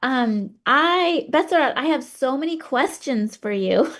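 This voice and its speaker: A woman's voice: sits high, expressive, measured pace, a bit bright. A woman co-hosting a video call, eager and bubbly, laughing often. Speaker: co-host. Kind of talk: casual video call chat.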